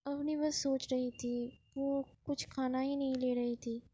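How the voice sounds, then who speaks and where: A woman's voice: high-pitched, flat delivery, unhurried, dark tone. A woman narrating a romance story in a casual, chatty way, mixing in many English words.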